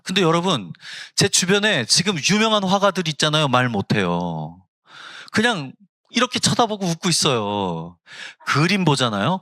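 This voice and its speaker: A man's voice: medium pitch, pushed and bright, dry recording, studio quality. A pastor in his fifties, from South Jeolla, preaching a sermon at a Friday prayer service in a church, telling family stories with humor. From South Jeolla, Korea. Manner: humorous, acts out family quotes. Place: church sanctuary.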